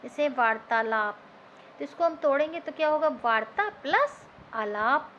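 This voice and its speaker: A woman's voice: sits high, expressive, moderate pace, fairly bright tone. A woman teacher, explaining grammar step by step and asking and answering her own questions. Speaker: Hindi teacher. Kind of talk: classroom grammar lesson. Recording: slightly dull lo-fi recording with faint noise.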